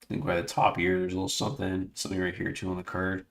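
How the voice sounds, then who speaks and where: The voice is a man's, low-pitched, gravelly and monotone, and it moves fast. He's hosting a casual livestream, sorting cards while chatting and muttering to himself with little exclamations.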